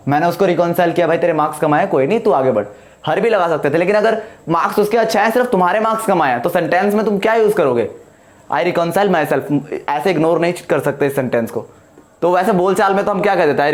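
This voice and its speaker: A man teaching an English grammar lesson at a whiteboard, explaining slowly, repeating points and asking the class questions. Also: high voice.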